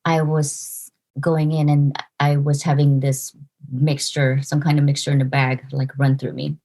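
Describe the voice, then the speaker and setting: In a laid-back interview conversation, a woman in her forties from the Philippines speaks as a guest; she works as a nurse practitioner. Her tone is low and easygoing, and her earnest speech breaks off and restarts as she gathers her ideas.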